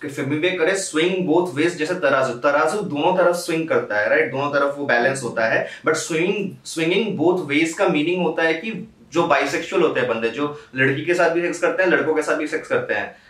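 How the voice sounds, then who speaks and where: A man's voice: fairly high pitch, normal speed, hardly any pauses, a bit bright, far from the mic. A young man hosting a reaction video, breaking down rap lyrics line by line in casual, explanatory talk with English phrases mixed in. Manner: explanatory, mixes English into his talk, laughs now and then. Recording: roomy, off-mic home recording.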